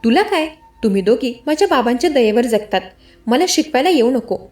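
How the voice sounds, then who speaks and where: A woman voicing a spoiled, quick-tempered young man in a spoken story, who snaps when he talks. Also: on the high side, animated, darkish tone, soft background music, natural voice. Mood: shouting angrily. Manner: irritable, snapping.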